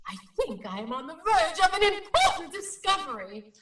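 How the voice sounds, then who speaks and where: Radio play casting: solemn lady ghost investigator, formal and precise, bright animated delivery, slightly off-mic in a roomy space. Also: extremely high pitch, normal speed, full character voice. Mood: intent, excited. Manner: formal, precise, dramatic reporting. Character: solemn, self-important female psychic investigator. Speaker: actor playing a paranormal investigator. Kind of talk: radio drama acting. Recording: roomy, slightly distant microphone.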